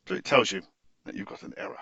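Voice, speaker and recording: Speaking quickly, a man explains software over a screen share in an unscripted, methodical, instructive manner. The audio is dull, with no room sound at all.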